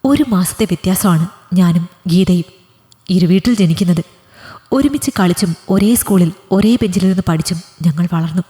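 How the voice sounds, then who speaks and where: A woman's voice: fairly low pitch, normal speed, warm tone, close to an everyday voice. A woman voicing an anxious, desperate middle-aged mother who speaks in an urgent, pleading way in a storybook reading. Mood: reminiscing. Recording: long hall reverb.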